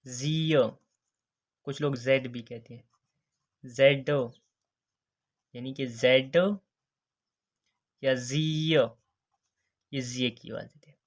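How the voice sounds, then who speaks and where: Guy teaching the alphabet, medium pitch, says each letter slow, keeps saying next and okay. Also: fairly even intonation. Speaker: English teacher. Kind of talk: alphabet lesson narration.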